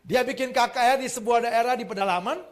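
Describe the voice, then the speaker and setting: A man preaching a sermon as a pastor, telling lively stories with jokes and acted-out quotes, swinging between loud emphasis and soft asides. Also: very high voice, fast talker.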